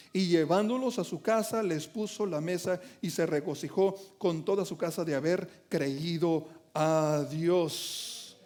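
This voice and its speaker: A male pastor delivering a fervent sermon. His voice sits very high and he stresses his points with emphatic swells. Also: a little mellow.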